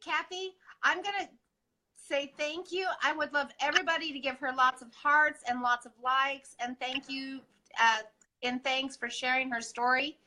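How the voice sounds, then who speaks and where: Enthusiastic woman live-stream host, high and bright, affectionate and gushing. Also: fairly even intonation, moderate pace, slight background noise, rough recording. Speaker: host of a live wellness show. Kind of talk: casual live-stream chat.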